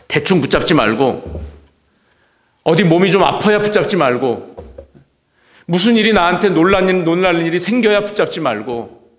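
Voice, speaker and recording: A male pastor preaching a sermon, repeating key phrases and asking the congregation rhetorical questions. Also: a little high. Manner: asks the congregation rhetorical questions, emphatic repetition. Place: church sanctuary. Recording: long hall reverb.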